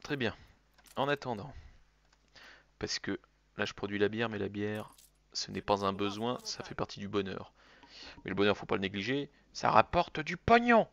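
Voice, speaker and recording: A man's voice: fairly low pitch, fairly even intonation, normal speed, gravelly, pauses often, fairly bright tone, no echo. A man streaming a strategy game, muttering calculations to himself between jokey asides. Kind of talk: casual let's-play commentary.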